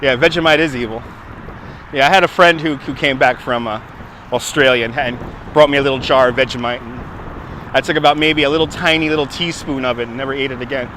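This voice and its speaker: Here the New York-accented livestream host speaks in a mid-range voice, pushed and bright, with fairly even intonation. He's chatting casually while walking outdoors on a waterfront, answering viewers with quick laughs. The phone-on-gimbal recording is low quality, with a little hiss or hum.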